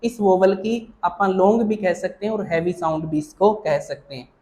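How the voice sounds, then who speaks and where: High-voiced man teaching a steady lesson. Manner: explains slowly, often checking with "theek hai na". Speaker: shorthand teacher. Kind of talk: online classroom lesson.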